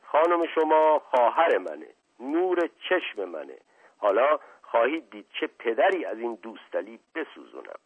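A man playing a quick, flattering, jovial prince. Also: mid-range voice, husky. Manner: fast, effusive, coaxing politeness. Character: jovial, flattering middle-aged male prince. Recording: tinny phone-like audio.

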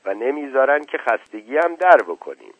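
A man's voice: mid-range voice, sing-song, breathy edge, no room sound, pitched above the performer's own voice. A man reading aloud voices a sympathetic village woman who asks a musician if he is tired. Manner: gentle, sympathetic remarks. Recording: tinny phone-like dry recording.

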